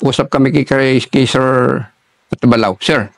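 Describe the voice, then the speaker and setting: An older man, an army veteran, telling a war story in an interview in a halting way, with many restarts, and dropping his voice for quoted lines. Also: high-pitched, gravelly, dry recording. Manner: halting, restarts often while recalling combat.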